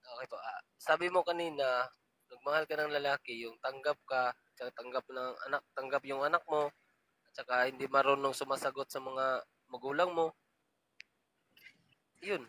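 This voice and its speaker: A man's voice: medium pitch, fairly even intonation, moderate pace, pauses often, bright, forceful tone, poor audio. A man from Mindanao with a Visayan accent, talking politely and hesitantly as a caller on a matchmaking show. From Mindanao, Philippines. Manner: polite and hesitant, full of fillers. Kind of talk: casual chat.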